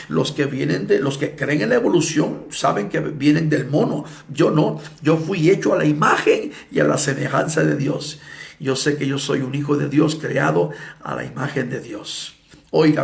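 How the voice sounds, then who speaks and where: A male evangelist preaching a sermon, telling stories dramatically and acting out the people in them, sometimes with shouts. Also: a little high, gravelly. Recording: echoey room.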